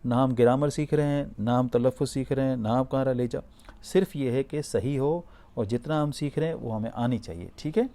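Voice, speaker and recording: A man teaching a spoken Arabic class, running repeat-after-me drills. He says each phrase slowly and clearly, then prompts the listener to say it again. His voice sits at a middle pitch, and he cheers learners on. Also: warm tone. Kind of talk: spoken language drill lesson.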